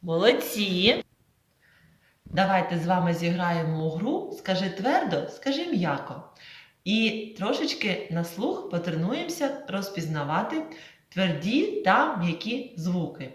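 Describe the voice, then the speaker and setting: A woman's voice: on the low side, very animated, measured pace. A woman teaching a reading lesson to young children, drawing out and exaggerating each sound for them to repeat. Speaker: primary school teacher. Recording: echoey room.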